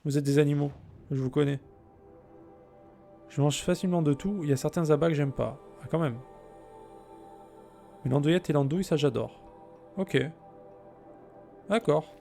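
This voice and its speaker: A man's voice: on the high side, normal speed, vocal fry, long pauses, warm tone, soft background music. A man chatting casually and jokingly while streaming a game, answering his viewers' messages. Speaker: let's play streamer. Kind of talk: casual gameplay chat with viewers.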